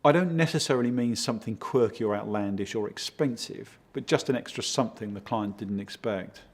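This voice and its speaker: A man working as a project consultant, giving steady, explanatory interview answers and leaning on key words. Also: fairly low pitch, brisk. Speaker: project consultant for a home design firm.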